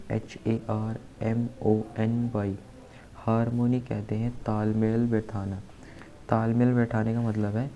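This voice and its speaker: A man's voice: lowish voice, warm tone, poor audio. A man teaching exam vocabulary, spelling words out letter by letter and repeating key words as he explains memory tricks. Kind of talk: exam-prep vocabulary lesson. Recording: faint background noise.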